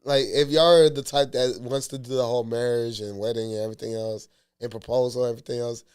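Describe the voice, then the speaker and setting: A man's voice: mid-range voice, level tone, quick pace, darkish tone, clear, resonant tone. Blunt, profane young man on a podcast. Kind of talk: casual podcast banter.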